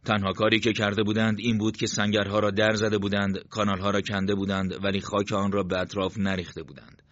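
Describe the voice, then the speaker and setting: A man reading a war novel aloud as an audiobook narrator, in a steady, measured literary style. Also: on the low side, no room sound. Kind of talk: scripted narration. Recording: dull, lo-fi dry sound.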